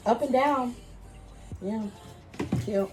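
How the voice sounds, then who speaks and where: A woman co-hosting a podcast in casual chat, giggly, blunt and quick to curse. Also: on the high side, loud music behind the voice. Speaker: podcast co-host.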